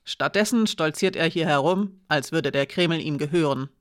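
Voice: mid-range voice, normal speed, no echo, clean studio sound, close to an everyday voice. A narrator voicing a proud woman guard who speaks sharply and with menace, in an audiobook. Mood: stern. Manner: sharp, hard, threatening.

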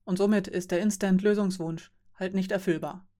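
Woman reading a tired patient fairy, calm and measured, mid-pitched voice. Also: natural voice. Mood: resigned. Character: patient, weary fairy, calmly explaining.

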